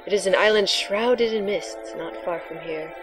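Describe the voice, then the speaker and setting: A woman voicing a solemn game oracle in a breathy, prophetic trance voice. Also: medium pitch, normal speed, music in the background, close to an everyday voice. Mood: mystical, solemn.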